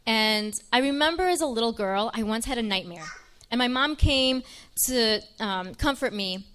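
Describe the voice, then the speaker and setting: A woman's voice: on the high side, normal speed, a bit bright, slight background noise. A young woman from Michigan giving an earnest, chatty personal faith testimony to an audience, with frequent ums.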